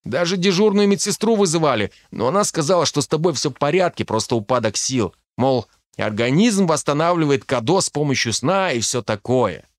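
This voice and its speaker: A man voicing a brash, crude teenage boy at a magic academy, loud and impatient, teasing his friend. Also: a little high, animated, fairly quick, no room sound, studio quality, voice pushed up, natural voice. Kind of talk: audiobook character voice.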